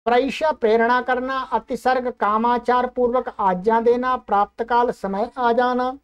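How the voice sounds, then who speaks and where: A woman giving a grammar lesson, asking and answering her own questions and reciting examples slowly. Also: fairly high pitch, fairly even intonation, clean tone, dull audio. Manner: slow, drawn-out recitation of Sanskrit examples. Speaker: Sanskrit grammar teacher. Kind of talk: explanatory lesson.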